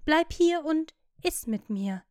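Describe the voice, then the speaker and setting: A woman's voice: high voice, lively intonation, takes it slowly, darkish tone, no room sound, clean studio sound, pitched above the performer's own voice. A woman voicing an earnest male painter who pleads and insists. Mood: pleading.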